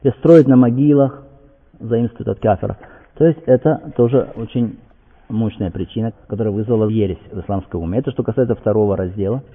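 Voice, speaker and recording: A man's voice: fairly low pitch, brisk, breathy edge. A man giving a religious lecture. He quotes Arabic passages, then explains them, and keeps checking in with rhetorical questions. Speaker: Islamic preacher. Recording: tinny lo-fi sound with long hall reverb.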